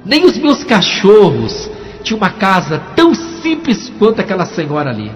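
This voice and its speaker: A man with a Brazilian Portuguese accent telling a church testimony as an animated storyteller who acts out the dialogue. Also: high-pitched, normal speed. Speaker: testimony speaker. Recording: echoey hall, dull lo-fi sound, faint music.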